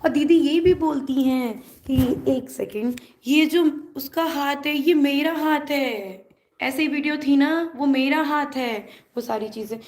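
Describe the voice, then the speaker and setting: A woman vlogger addresses her viewers casually from a room at home. Her voice is a little high and mellow. She talks directly to the audience in a chatty way. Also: a little slow. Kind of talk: casual vlog talk to viewers.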